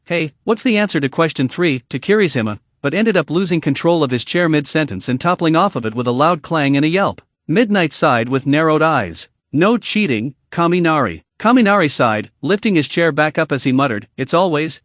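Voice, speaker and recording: A man reads a fan fiction story aloud in an even, flat manner, barely shifting his voice for the characters. His voice sits a little higher than most men's. The sound is dry and close, with no room around it. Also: no echo. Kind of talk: scripted narration of fan fiction.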